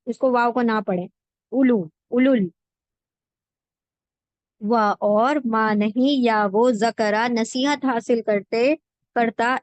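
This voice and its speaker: Slow, patient woman teacher, dry close sound. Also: fairly high pitch, a little mellow, no room sound. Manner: slow, repeats words and meanings for drilling. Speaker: Quran word-by-word translation teacher. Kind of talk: patient classroom explanation with repetition.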